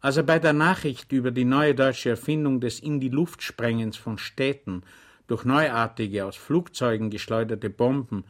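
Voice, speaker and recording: A man reading an audiobook, narrating in a measured storytelling manner. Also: medium pitch. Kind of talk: scripted narration.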